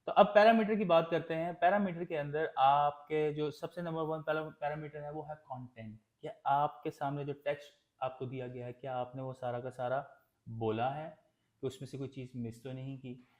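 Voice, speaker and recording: A male trainer from Pakistan teaching a test-prep lesson in sprinkled with English terms. His voice sits a little high, and he talks plainly, pausing on fillers and restarting words. The recording carries a noticeable room echo. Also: steady tone, a little mellow. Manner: explains plainly with many fillers and restarts, mixing English into Urdu. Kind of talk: Urdu-English tutorial lesson.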